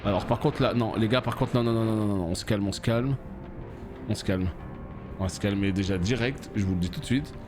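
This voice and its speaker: A man streaming a game live, reacting loudly, swearing and talking to his chat. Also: fairly low pitch, fairly quick. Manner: excitable, swears, talks to chat. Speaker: gaming streamer. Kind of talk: live let's play commentary. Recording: music playing behind.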